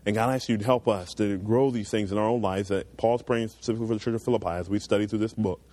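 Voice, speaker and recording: A man's voice: on the low side, fairly even intonation, quick pace, warm tone. A young man preaching a sermon to a youth group, earnest and emphatic, pushing his voice up on key points and then settling into a prayer. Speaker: youth pastor.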